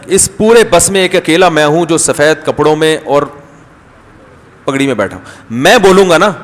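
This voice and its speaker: High-voiced man lecturing in reverberant hall. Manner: storytelling, animated, acts out quoted people. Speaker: Islamic scholar giving a talk. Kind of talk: conversational religious lecture with anecdotes.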